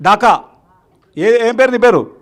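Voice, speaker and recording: A man's voice: very high-pitched, lively intonation, unhurried. A man, a meditation teacher, giving a motivational speech to students, exhorting them and rallying the crowd, with English words mixed in. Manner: exhorting, rallies the crowd to applaud. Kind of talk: motivational speech to a live audience.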